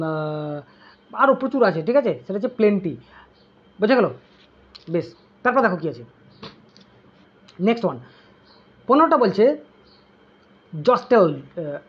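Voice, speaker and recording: Tutor going over english vocab for an exam, husky breathy voice, keeps asking "okay?", sounds kinda dull and lo-fi. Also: medium pitch. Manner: drills terms with constant "okay?" check-ins; asks students questions, then answers them. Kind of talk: online exam-prep lesson.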